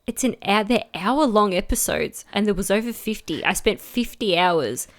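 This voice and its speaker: A woman's voice: medium pitch, expressive, moderate pace. A woman co-hosting a podcast in casual chat, dry and playful. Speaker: podcast co-host.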